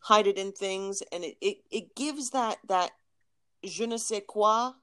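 A woman's voice: medium pitch, unhurried, a bit bright. A woman co-hosting a casual chat, talking eagerly about food with frequent restarts. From Lebanese family. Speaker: podcast co-host.

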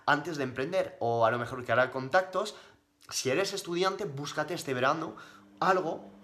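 His fairly high, slightly bright voice stays unhurried as he answers questions on a livestream. He's a fitness coach speaking casually yet bluntly and emphatically, using slang and repeating words for emphasis.

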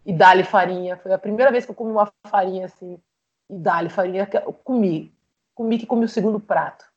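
A Brazilian woman, a podcast guest, telling a personal story in an animated way, acting out remembered conversations with frequent restarts. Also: medium pitch, brisk, highs cut off. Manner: animated, acts out remembered dialogue with many restarts.

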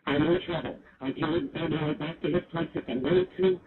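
A man's mumbled voice from an old playback, somewhat high in pitch. It comes through a narrow, phone-like sound. A faint hiss runs under it. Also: steady tone, moderate pace. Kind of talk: played-back recorded talk.

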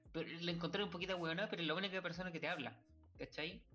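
A man's voice: high-pitched, rapid-fire, highs cut off, over music. A young man with a Chilean accent chatting casually, rambling in crude slang and laughing often. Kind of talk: casual chat.

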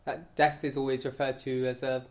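A man co-hosting a podcast in casual chat, making quick joking remarks. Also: mid-range voice, little pitch movement. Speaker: podcast co-host.

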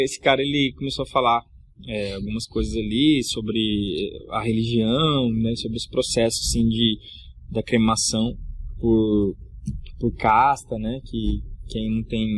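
A man's voice: mid-range voice, breathy edge. A middle-aged man, a guest on a podcast, tells a travel anecdote in a loose, slangy way and laughs often. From Mato Grosso, Brazil. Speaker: podcast guest, actor and comedian. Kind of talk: casual storytelling chat.

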